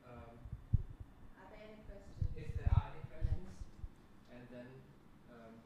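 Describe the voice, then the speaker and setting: A woman moderator quietly and tentatively prompting for questions. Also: low voice, animated, a little slow, slightly rough, lo-fi sound.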